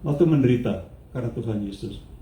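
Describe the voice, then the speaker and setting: A male pastor preaching a lively sermon, switching between Indonesian and English and putting questions to the congregation. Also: mid-range voice, brisk. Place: church hall. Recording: echoey church hall, mic at a distance.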